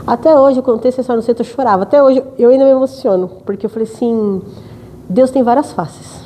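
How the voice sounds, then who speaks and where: A woman with a Brazilian accent giving a talk as a spiritist lecturer, telling a personal story in an emotional, animated way. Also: a little high, quick pace, low-quality recording.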